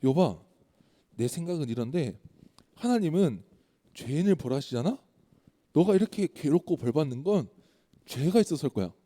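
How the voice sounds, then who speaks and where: A man's voice: a little high, lively intonation, moderate pace, long pauses, dark tone, long reverb tail. A man voicing Job's preachy male friends, who lecture him insistently to repent, in a children's sermon.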